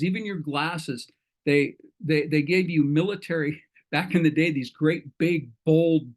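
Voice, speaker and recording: A middle-aged man hosting an online entrepreneur meetup in a folksy, rambling way, often correcting himself. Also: on the high side. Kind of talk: casual talk to an online group.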